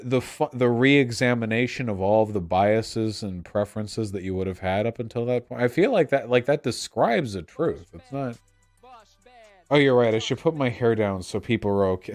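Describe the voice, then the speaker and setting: With a lowish, slightly mellow voice at normal speed, a young man rambles to his livestream chat. He seems drunk, answering viewers while repeating himself and starting phrases over.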